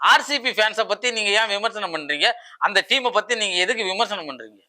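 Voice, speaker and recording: A man's voice: sits high, lively intonation, quick pace, bright, forceful tone. A man doing a prank street interview, teasing his subject with the same questions over and over. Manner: teasing, needling with repeated questions.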